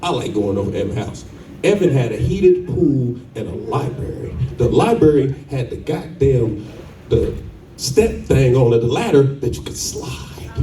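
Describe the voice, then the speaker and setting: Loud, animated man doing stand-up. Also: high voice. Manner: loud, profane, animated storytelling. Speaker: stand-up comedian. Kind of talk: stand-up comedy set. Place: comedy club with live audience. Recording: echoey club, distant mic, crowd laughter.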